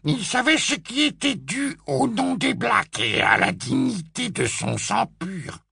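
Créature, a croaking old house-elf. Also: male voice, very animated, bright, forceful tone, no echo, clean studio sound, heavily acted. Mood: bitter. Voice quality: croaking, stammering. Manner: wailing, high-pitched and slow. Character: wretched old male house-elf servant, grovelling and sobbing.

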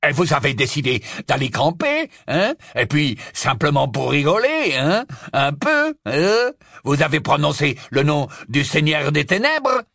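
Man voicing a mocking snatcher in an audiobook: high, needling, sneering. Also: very animated, a little slow, gravelly, hardly any pauses, fairly bright tone, dry recording, studio quality, exaggerated voice.

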